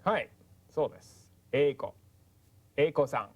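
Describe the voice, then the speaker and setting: A man narrating a scripted language lesson, sounding out words slowly and carefully. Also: medium pitch, lo-fi sound. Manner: slow, careful pronunciation drills. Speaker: language teacher.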